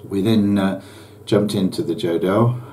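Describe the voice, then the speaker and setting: A man's voice: low voice, moderate pace, very noisy. An older man, a hobby pilot, talking casually to camera about his flying and his videos, with frequent ums and uhs. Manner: relaxed and chatty, with many ums and uhs. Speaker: private pilot vlogger. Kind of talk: casual vlog chat.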